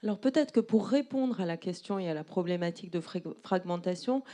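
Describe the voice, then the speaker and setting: A woman's voice: fairly low pitch, animated, brisk, warm tone. A woman interpreting a presentation live, explaining and rephrasing as she goes.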